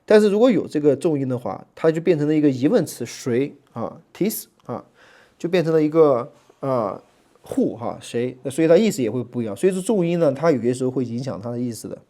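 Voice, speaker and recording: A man teaching a Greek lesson in a relaxed lecturing way, with many fillers, slowing down to spell out letters and sounds. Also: mid-range voice.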